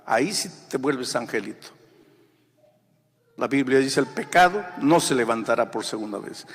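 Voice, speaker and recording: Husky impassioned preacher in a reverberant hall. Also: male voice, medium pitch, expressive, moderate pace, soft background music. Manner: impassioned preaching, swells loud then drops to near whisper. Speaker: pastor. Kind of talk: sermon.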